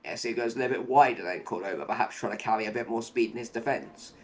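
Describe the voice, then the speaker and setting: A man's voice: medium pitch, fast talker. A man commentating live on a motor race, play-by-play, narrating each move and posing running questions.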